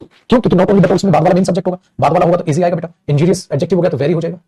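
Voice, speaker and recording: Fast-talking male grammar teacher. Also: high-pitched, steady tone, mellow, husky, no echo. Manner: calls students "beta", reads sentences slowly. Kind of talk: exam error-spotting lesson.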